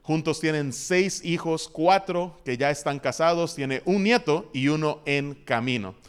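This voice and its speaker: A man introducing the next speaker at a church conference hall, speaking in measured, churchly phrases with frequent pauses. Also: on the high side, clear, resonant tone. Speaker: conference emcee. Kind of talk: formal introduction speech.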